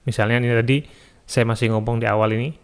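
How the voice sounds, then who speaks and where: Man calmly explaining software step by step. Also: medium pitch, quick pace. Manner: relaxed step-by-step explaining with frequent "ya" and "eh". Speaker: YouTube tutorial host. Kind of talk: screen-recorded software tutorial. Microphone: studio mic through an audio interface.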